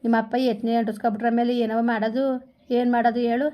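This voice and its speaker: A worried village mother, played by a woman coaxes and reproaches. Her voice stays flat and level, pitched a little high, and she talks quickly. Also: dull audio, natural voice. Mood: coaxing. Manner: coaxing, reproachful. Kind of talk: village comedy skit.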